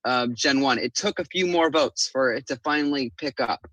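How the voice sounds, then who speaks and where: A man hosting a casual video call, asking contestants questions quickly and in an animated way. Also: mid-range voice, dry recording, rough recording. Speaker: host.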